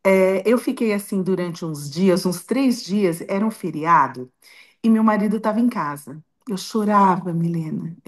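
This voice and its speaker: A woman's voice: on the low side, measured pace. A middle-aged Brazilian woman and grandmother, telling a personal story in an interview in a heartfelt, emotional way with many restarts. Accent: Brazilian Portuguese. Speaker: interview guest.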